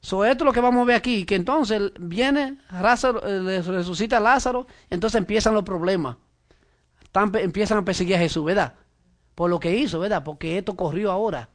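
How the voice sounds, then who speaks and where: Man, high-pitched, conversational preacher, frequent amen asides. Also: a little fast. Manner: frequent "¿verdad?" and "amén" asides, addresses listener directly. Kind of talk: conversational sermon.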